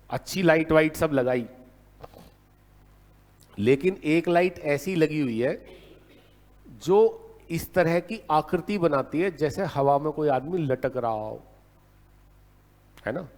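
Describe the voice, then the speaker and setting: A man teaching a law lecture in a lively storytelling way, often checking in with his class. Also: fairly high pitch, long reverb tail. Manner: lively storytelling, keeps asking "है ना?".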